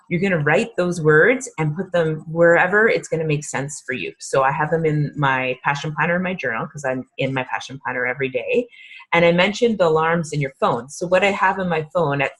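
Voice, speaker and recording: A woman's voice: deep voice, breathy edge. A woman in her thirties, a fitness coach, leading a casual, upbeat workshop talk with lots of fillers. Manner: chatty, upbeat, filler-heavy.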